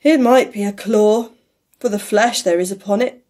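A woman's voice: mid-range voice, normal speed, dark tone, lightly acted. A woman voicing a grave, sorrowful aging male spirit in a storybook, with solemn, emphatic delivery.

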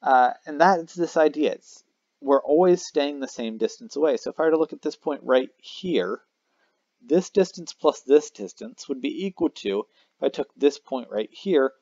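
Male math teacher, casual whiteboard explainer, gravelly voice, dry lo-fi mic. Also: on the high side, lively intonation, normal speed, darkish tone, no room sound. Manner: casual, self-correcting explanation with fillers. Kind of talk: recorded math lesson at a whiteboard. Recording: dry, slightly dull lo-fi mic.

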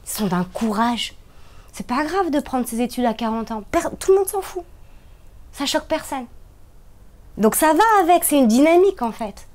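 A woman from France talking in a casual interview, animated and emphatic, her voice swinging high and low as she makes her points. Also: moderate pace, pauses often.

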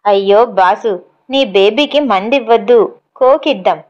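A woman's voice: on the high side, measured pace, a little mellow, close to an everyday voice. A woman voicing a fearful, bumbling village man who pleads and asks naive questions, on a slightly dull recording. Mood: timid pleading. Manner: pleading, timid.

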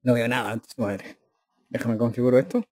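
A male streamer jokes and chats casually with his live chat, teasing and addressing them directly. His voice is medium in pitch and darkish, with fairly even intonation, a moderate pace, and no room sound.

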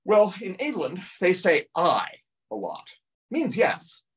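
Older male history lecturer, animated storyteller, heard from across the room. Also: sits high, unhurried. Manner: lively storytelling, acts out quotes in playful voices. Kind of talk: museum lecture with slides. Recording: voice heard from a distance.

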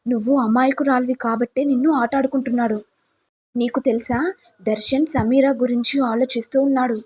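A scheming young sister-in-law with a high, husky voice, put on by a woman narrator. She taunts and gloats with a darkish, mellow tone, pitched a little above the narrator's own voice, in a retold family drama.

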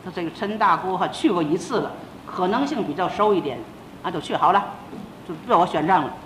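A woman's voice: lively intonation, fairly quick. An older woman, a senior religious teacher, giving a sermon as a personal testimony, telling her story with emotion and acting out the dialogue. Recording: roomy old tape with faint rumble.

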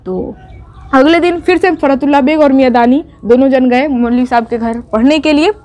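A woman's voice: sits high, normal speed, darkish tone. A young woman teacher who retells a story for her students, voicing its characters' lines and adding exam tips.

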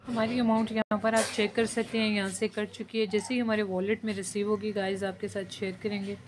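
Woman doing a phone screen walkthrough, flat monotone, keeps saying guys and friends. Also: mid-range voice, fairly quick, noisy background. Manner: flat, repetitive, with frequent fillers like guys and friends. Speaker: YouTube channel host. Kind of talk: screen-recorded app walkthrough.

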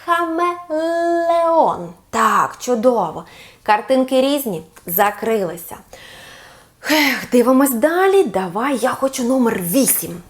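A woman speech therapist giving a children's lesson, drawing out words slowly for the child to repeat and coaxing with sing-song praise. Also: a little high, lively intonation.

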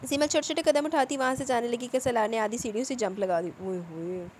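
एक औरत नाटकीय अंदाज़ में उपन्यास की कहानी सुना रही है।. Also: female voice, sits high, fast talker, darkish tone, a little hiss or hum. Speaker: novel narrator. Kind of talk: scripted narration of a novel.

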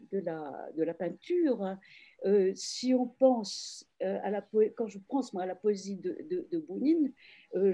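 In an online panel discussion over a video call, a woman literary translator explains her work. Her medium-pitched voice has a dark tone, and she sounds reflective and hesitant, pausing and restarting often.

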